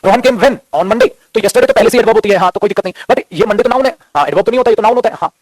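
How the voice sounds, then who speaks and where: A man's voice: high voice, racing, no room sound. A man teaching English grammar to students, fatherly and scolding by turns, often calling them his children. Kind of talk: classroom grammar lecture.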